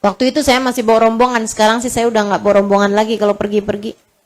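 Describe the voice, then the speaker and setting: A woman's voice: on the high side, little pitch movement, rapid-fire. A woman preacher, telling stories in a sermon with emotion and casual jokes, calling her listeners friends. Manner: emotional storytelling, softens to a hush when quoting comfort; chatty and joking, addresses audience as friends. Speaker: Islamic preacher. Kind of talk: sermon storytelling.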